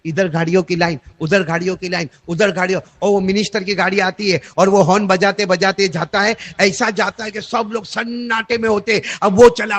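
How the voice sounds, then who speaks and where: High, bright-voiced preacher swinging to shouts. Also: male voice. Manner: dramatic, swings from soft to shouting, quizzes the audience. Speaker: religious preacher. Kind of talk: Urdu sermon storytelling to a congregation.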